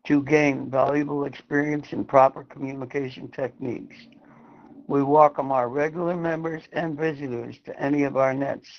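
Man, net control operator, gravelly tone, formal on-air calling, heard over fading shortwave radio with dull lo-fi sound. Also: medium pitch. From Massachusetts, USA. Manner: measured, formal on-air calling, spells call signs phonetically. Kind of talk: amateur radio net procedure.

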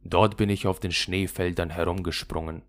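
A man's voice: deep voice, level tone, normal speed, lightly acted. A man voicing a proud, homesick reindeer in a fairy tale, with a wistful manner.

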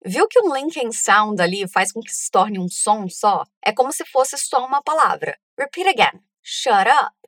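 A woman, a native Portuguese speaker, teaching English pronunciation by modeling phrases slowly, word by word, for learners to repeat. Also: a little high, sing-song, a bit bright, dry recording, clean studio sound. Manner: slow, deliberate word-by-word modeling. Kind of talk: pronunciation lesson with drills.

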